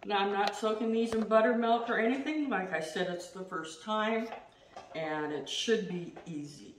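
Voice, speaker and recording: A middle-aged woman chatting casually as she demonstrates a recipe at home, self-deprecating and quick to laugh. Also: medium pitch. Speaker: home cooking host. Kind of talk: casual cooking demo. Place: home kitchen, indoors. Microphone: far camera. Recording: roomy, distant, noisy.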